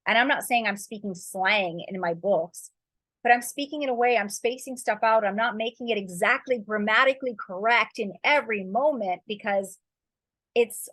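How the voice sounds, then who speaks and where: With a mid-range, slightly bright voice and no echo in the audio, a female author rambles through upbeat writing advice. She leans on "like" and "you know" and slips in spiritual expressions.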